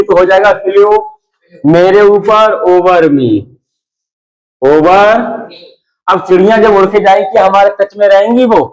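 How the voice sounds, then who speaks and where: A man's voice: high-pitched, poor audio. A male English grammar teacher giving a classroom lesson, explaining step by step and often checking that his students follow.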